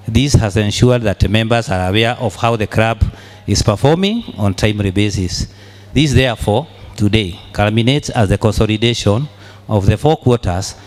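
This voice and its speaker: Man formally presenting a financial report, halting delivery. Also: lowish voice, darkish tone. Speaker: club treasurer presenting annual accounts.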